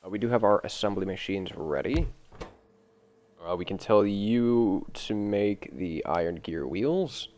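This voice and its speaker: A man with a deep, gravelly voice, groggy from an early morning session, rambling through casual gameplay commentary and talking to the machines he builds. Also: animated, a little slow, darkish tone, a little hiss or hum. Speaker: gameplay video host.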